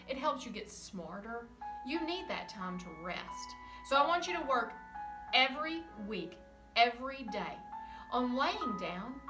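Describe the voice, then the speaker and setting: A woman kindergarten teacher speaking from home to young children, gentle and encouraging, in a remote lesson. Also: fairly high pitch, far from the mic. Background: soft music.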